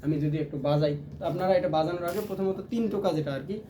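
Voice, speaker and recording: In a music lesson, a high-pitched man races through his explanation of ukulele strums, counting them and chanting rhythm syllables aloud while playing. His voice rides over loud plucked strings, and there's slight background noise.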